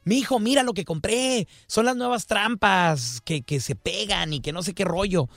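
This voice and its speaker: A man's voice: high-pitched, normal speed, fairly bright tone, dry recording, studio quality. A man voicing his proud father showing off a new purchase. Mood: boastful. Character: proud middle-aged father showing off gadgets.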